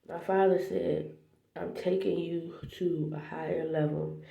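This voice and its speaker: A heartfelt, tearful faith vlogger speaks straight to the viewers about a dream, at times sinking into a whisper. The voice is gravelly and mellow. It bounces off the hard walls of a small, echoey bathroom. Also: medium pitch, highs cut off. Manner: heartfelt, addresses viewers directly, sometimes drops to a whisper. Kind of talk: emotional spiritual testimony to camera.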